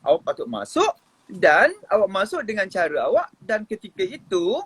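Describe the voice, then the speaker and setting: A middle-aged man hosting a live stream on his phone, chatting and teasing in an animated way while coaching speakers. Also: sits high, normal speed, slightly rough. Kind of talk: casual live-stream chat.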